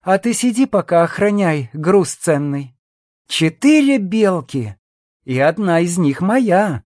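A man's voice: high-pitched, big pitch swings, unhurried, a little mellow, no room sound, clean studio sound, voice pushed up. A man reading an audiobook, voicing a cold, greedy young woman mercenary who teases and mocks. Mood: teasing. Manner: sly, teasing, playful.

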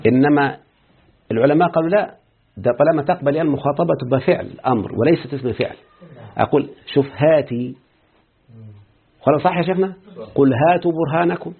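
A man's voice: on the high side, fast talker, pauses often. A man with an Egyptian Arabic accent giving a classroom grammar lesson, explaining step by step and checking often that students follow. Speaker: grammar teacher. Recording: tinny phone-like husky recording.

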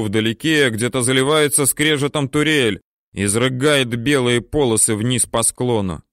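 A man narrating a war story audiobook in a steady, measured, terse manner. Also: mid-range voice, clear, resonant tone, no echo, studio quality.

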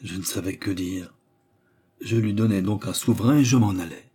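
A man reads a literary short story aloud in a measured, storytelling way, slipping into the characters as the dialogue comes. His voice is low and dark, with a husky, breathy grain. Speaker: audiobook reader. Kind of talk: scripted literary narration.

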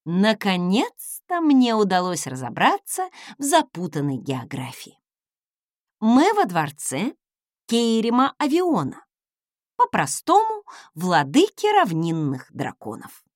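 A woman's voice: medium pitch, huge pitch swings, slow, no room sound, clean studio sound. A woman reading a first-person audiobook with a wry, sardonic delivery. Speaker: audiobook narrator.

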